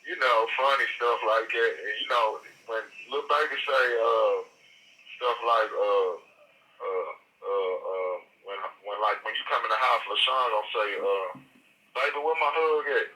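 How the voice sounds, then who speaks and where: A thin, distant prison phone line carries a middle-aged man. His voice is on the low side with a very hard, bright edge. He tells stories loosely, in colloquial street slang. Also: unhurried. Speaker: incarcerated interviewee. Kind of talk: conversational storytelling on a prison phone. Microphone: prison telephone.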